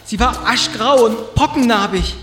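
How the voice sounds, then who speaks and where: A man's voice: extremely high pitch, a little slow, exaggerated voice. An actor in an audio drama playing a tense, commanding man fleeing monsters and urgently barking orders to protect his companions. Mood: tense, controlled. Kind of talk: German audio drama acting. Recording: roomy, with very loud music.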